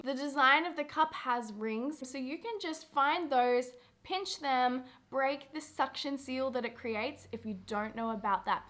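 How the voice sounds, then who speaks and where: Young aussie woman vlogging a product review, chatty, says like a lot, fairly high voice. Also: sharp tone. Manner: chatty and encouraging, frequent "like" fillers. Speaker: women's health video host. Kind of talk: casual product review vlog.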